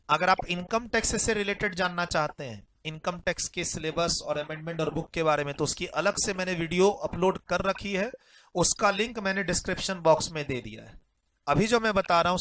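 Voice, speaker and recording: Male tax tutor, fairly high voice, direct, repeats points, slight background hiss. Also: fairly bright tone, rough recording. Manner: direct, repeats points, mixes in English phrases. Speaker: tax teacher. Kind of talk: explaining exam updates to students.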